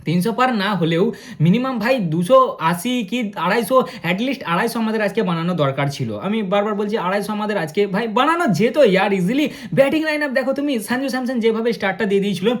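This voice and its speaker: A man, talking fast and excitedly as he reviews a cricket match and speaks straight to his viewers. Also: sits high. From India. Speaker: cricket vlogger.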